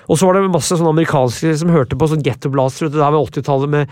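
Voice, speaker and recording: A man from tells stories at a podcast, rambling and blunt and often repeating himself. His voice sits a little high for a man. The sound is close and dry. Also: darkish tone, no room sound. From Brumunddal, Norway. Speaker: podcast guest, author. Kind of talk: casual storytelling in interview.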